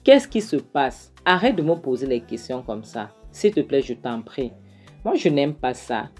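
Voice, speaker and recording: A woman voicing an exasperated young woman pleading with her mother, in a low voice. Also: big pitch swings, a little slow, darkish tone, slightly rough, faint music behind, heavily acted.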